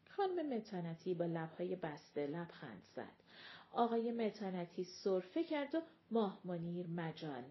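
A woman narrating a novel as an audiobook in a steady, measured reading. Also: lowish voice. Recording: dull lo-fi audio.

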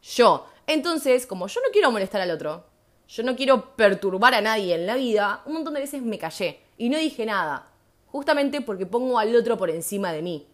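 A woman's voice: fairly high pitch, very animated, moderate pace. Earnest Rioplatense woman podcasting solo. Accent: Rioplatense Spanish. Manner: earnest, conversational, speaks to listeners with rhetorical questions. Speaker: podcast host. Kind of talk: reflective solo podcast talk.

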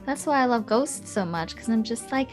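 A woman's voice: a little high, expressive, normal speed, soft background music. A woman chatting casually, joking bluntly and swearing. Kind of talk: casual chat.

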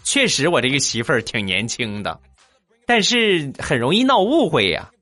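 A man voicing a fifty-year-old coworker, a mild man who muses slowly and hesitantly. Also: mid-range voice, sing-song, pushed and bright, no room sound, soft background music. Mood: musing. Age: 50s.

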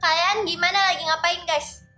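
A woman's voice: very high voice, fairly even intonation, moderate pace, roomy sound, over music. A young woman hosting a casual livestream, chatting with viewers and greeting them in a sing-song way. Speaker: livestream host.

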